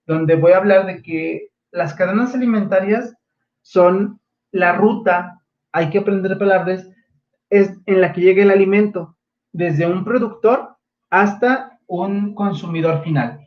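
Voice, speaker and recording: Mexican guy teacher doing a livestream class for his kids, lots of eh and este, kinda high voice, muffled lo-fi audio. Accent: Mexican Spanish. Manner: halting, many fillers like "eh" and "este"; patient, gently instructive. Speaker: primary school teacher. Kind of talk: livestreamed lesson to pupils.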